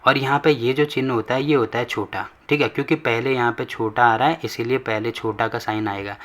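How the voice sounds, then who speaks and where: Bright-voiced man teaching maths patiently. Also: medium pitch, fairly even intonation, brisk. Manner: patient, repetitive, asks and answers own questions. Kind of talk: board lesson explaining step by step.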